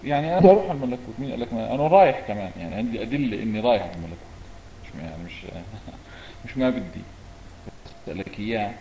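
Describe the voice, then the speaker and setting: A man's voice: on the low side, quick pace, reverberant, slight background noise, low-quality recording. A man with a Levantine accent, rebutting his opponent in a religious debate. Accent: Levantine Arabic. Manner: animated, rebutting.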